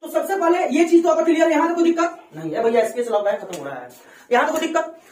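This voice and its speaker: High-voiced woman teaching in an echoey classroom. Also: animated, fast talker, a little mellow, far from the mic. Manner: questioning students, call-and-response drilling. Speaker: English teacher. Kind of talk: classroom lesson.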